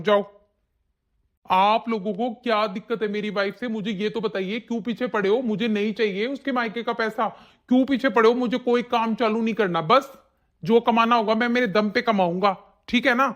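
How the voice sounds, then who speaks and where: A woman voicing a young husband in an animated family drama who calms his wife and stands firm with his family. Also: medium pitch, natural voice. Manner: reassuring, firm.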